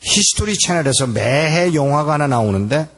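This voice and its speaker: A man's voice: on the high side, lively intonation, normal speed. A man in his sixties from Korea, preaching a sermon and telling a personal testimony, acting out remembered dialogue. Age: 60s. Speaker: pastor. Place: large hall at a church gathering. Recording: echoey hall with long reverb.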